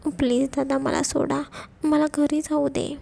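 A woman's voice: high-pitched, flat delivery, measured pace, gravelly, dark tone, heavily acted. A woman voicing a frightened young woman held captive, tearful and begging to be let go, in an audio story. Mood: pleading. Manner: pleading, begging.

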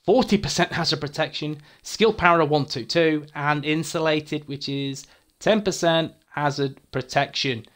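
A young man hosts a gaming video, running through gear stats in an eager, chatty way. He swears casually and trips over his words in his excitement. His voice sits a little higher than most men's. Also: normal speed. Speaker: gaming YouTuber. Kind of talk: game build walkthrough.

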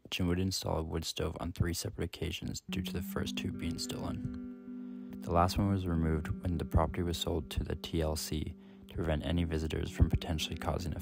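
A young man from Canada, vlogging with relaxed, rambling talk in a small wooden cabin and narrating over footage. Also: low-pitched, gravelly. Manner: relaxed, rambling, thinking aloud. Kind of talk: casual vlog talk and scripted voice-over narration.

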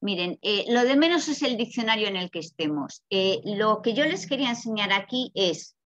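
A woman's voice: mid-range voice, normal speed, no room sound. Spanish lecturer woman on a muffled video call. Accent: Peninsular Spanish. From Spain. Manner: lively, chatty, asks the audience rhetorical questions. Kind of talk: online seminar lecture. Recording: dull, dry video call audio.

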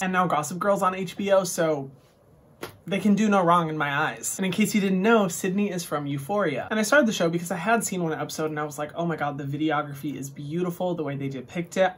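A man in his twenties hosting a casual reaction vlog, gushing and animated, with casual swearing. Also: sits high. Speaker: host.

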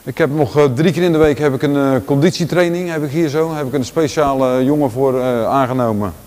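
A man in his forties with a Rotterdam Dutch accent, giving a relaxed walking tour of his large indoor gym, talking casually with lots of fillers and restarts. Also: medium pitch, a little fast. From Netherlands. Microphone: handheld camera following him.

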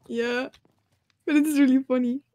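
A woman with a high voice, chatting casually during a game. She takes her time, halting and repeating words as she plays along with the role-play. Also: fairly even intonation, dark tone, dry recording. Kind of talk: casual gaming chat with playful role-play.

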